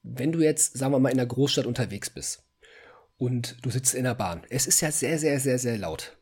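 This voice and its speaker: A man's voice: mid-range voice, expressive, a little fast, darkish tone, slightly rough. A young man in his twenties co-hosting a casual podcast chat, rambling and repeating himself as he makes his points. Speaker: podcast co-host.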